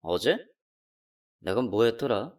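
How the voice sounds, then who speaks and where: A man's voice: lowish voice, animated, slow pace, a little mellow, far from the mic. A man playing a guilty cheating husband. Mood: evasive. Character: cheating middle-aged husband, evasive then pleading. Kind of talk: radio drama acting.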